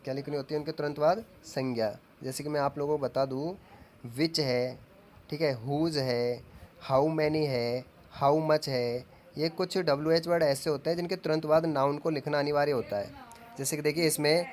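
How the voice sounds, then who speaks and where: Man slowly teaching English grammar. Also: a little high, fairly even intonation, a little mellow. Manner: slow, drawn-out dictation of example sentences; asks the class questions and answers them himself. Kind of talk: classroom-style grammar lesson.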